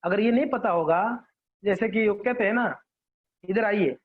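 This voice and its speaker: A man's voice: high voice, moderate pace. A man giving a conversational devotional class, checking in with listeners and acting out examples. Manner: conversational teaching with frequent check-ins and acted examples. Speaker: devotional lecturer. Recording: dull lo-fi recording.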